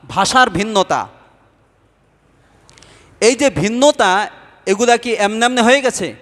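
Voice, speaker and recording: Man, preacher, sermon, high voice, asks the audience questions and answers them, long hall echo. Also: fairly bright tone. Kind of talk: Islamic sermon.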